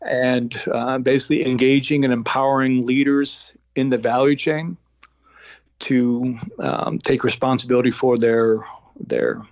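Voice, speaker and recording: A man from New York with a faint New York accent, a lean coach talking as a podcast guest in a halting way, full of fillers and restarts. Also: medium pitch, steady tone, darkish tone, no echo, dull audio. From New York, United States. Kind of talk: casual interview talk.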